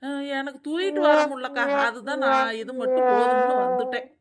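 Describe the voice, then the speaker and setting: A greedy, boastful village woman from a comedy cartoon, played by a woman. She talks in a wheedling, self-satisfied way. Her voice sits fairly high. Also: steady tone, a little fast, a loud crowd, natural voice. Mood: scheming. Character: greedy chatty village woman hoarding wedding leftovers. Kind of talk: animated comedy dialogue.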